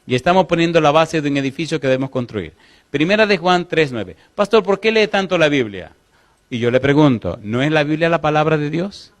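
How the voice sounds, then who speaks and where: Pastor guy preaching, keeps quizzing the crowd, slows down for bible verses, kinda high voice. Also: lively intonation. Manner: preaching with call-and-response questions to the congregation; slows down to read scripture aloud. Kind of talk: sermon.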